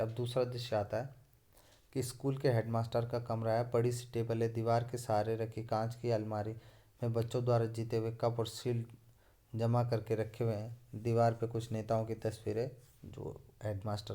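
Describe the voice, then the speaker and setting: A man teaching a class, reading a play aloud in one even voice and explaining the scenes as he goes. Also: on the low side. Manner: reads all parts in one even voice, adding explanations.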